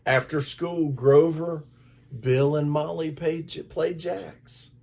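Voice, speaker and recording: A man with a gravelly, somewhat high voice reads a children's picture book aloud, slowly and expressively, like a storyteller.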